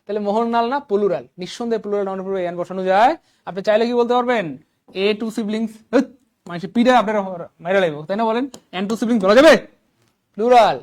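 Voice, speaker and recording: A man's voice: high voice, racing, a little mellow. A man with a Bangladeshi Bengali accent teaching an English grammar lesson, quizzing his class with questions and drilling examples by repetition. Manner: quizzing students with rising questions.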